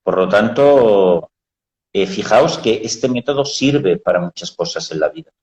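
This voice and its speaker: A man with a lowish voice talks frankly and plainly, explaining ideas in blunt everyday words. The sound carries a noticeable echo from the room. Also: lively intonation, a little slow, darkish tone, dull audio. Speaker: psychologist host. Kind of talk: casual live talk.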